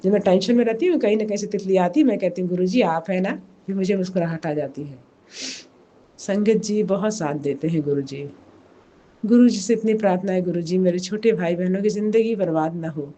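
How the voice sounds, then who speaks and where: A hoarse woman giving an emotional personal testimony, speaking slowly and softly in a pleading way. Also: lowish voice. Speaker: devotee sharing a testimony.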